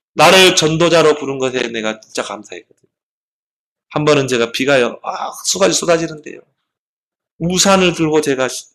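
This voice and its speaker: A man's voice: fairly high pitch, vocal fry, a bit bright. A man preaching a sermon as a pastor, telling his story with passion, his voice rising and falling sharply.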